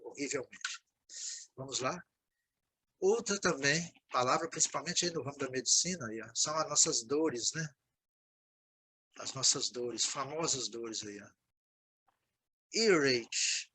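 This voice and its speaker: A man's voice: medium pitch, bright, forceful tone, slight background noise, rough recording. A Brazilian man with a Brazilian Portuguese accent recording a video lesson on English vocabulary, patiently repeating words and checking in with his students. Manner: explanatory, repeats words, frequent "né, gente?". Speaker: English teacher.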